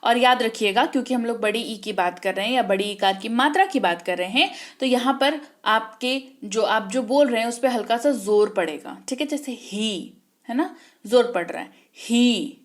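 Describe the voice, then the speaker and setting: A woman teaches an online spelling lesson, her voice sitting a little high. She spells out words letter by letter and asks the class questions, then answers them herself. She repeats each word slowly. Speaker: English teacher.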